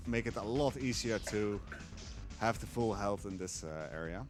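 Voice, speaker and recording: With music in the background, a man provides live commentary on his own speedrun, explaining his play. His voice sits on the low side at a moderate pace, and he comes across relaxed and hesitant, full of fillers.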